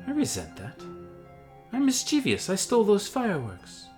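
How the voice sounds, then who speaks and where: A man's voice: sits high, huge pitch swings, normal speed, darkish tone, soft background music, pitched above the performer's own voice. A man voicing a young hobbit who is anxious, indignant and flustered, protesting earnestly in a parody audio story. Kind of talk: scripted audio fan-fiction parody.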